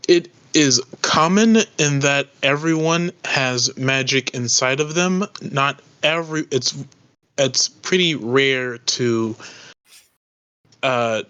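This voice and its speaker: A man's voice: medium pitch, fairly bright tone, smooth, highs cut off. A man narrating as game master of a tabletop role-playing game, hesitant with many ums and uhs.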